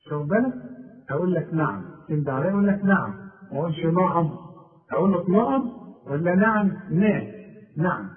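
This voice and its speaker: A man with an Egyptian Arabic accent teaching Quran recitation rules, explaining patiently and reciting words slowly and drawn out. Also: high-pitched. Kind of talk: tajweed lesson with demonstrations. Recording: tinny phone-like line.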